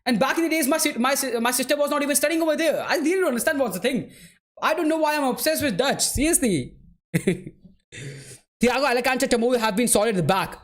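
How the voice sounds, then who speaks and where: A man hosts a live football watchalong. He calls the play in a relaxed, chatty way, and his talk is full of "bro" and "man". He answers his viewers with an easy laugh. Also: extremely high pitch, fast. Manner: laughs easily while answering chat. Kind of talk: live match commentary and chat replies.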